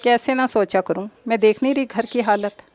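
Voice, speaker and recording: A woman's voice: a little high, normal speed, darkish tone, lightly acted. Woman reading an anxious elder sister. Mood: worried. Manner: anxious, pleading. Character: worried young mother, an elder sister.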